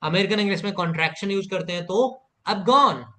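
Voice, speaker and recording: A man's voice: sits high, fairly even intonation, rapid-fire, a bit bright. A man teaching a live online spoken English class, patiently repeating phrases for learners to echo and praising students by name.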